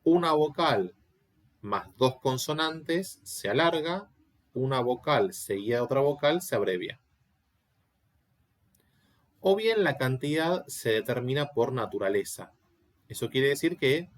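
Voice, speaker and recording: A man giving an online Latin class, explaining step by step and often checking that students follow. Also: medium pitch. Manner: patient, explanatory, asks checking questions. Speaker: Latin teacher.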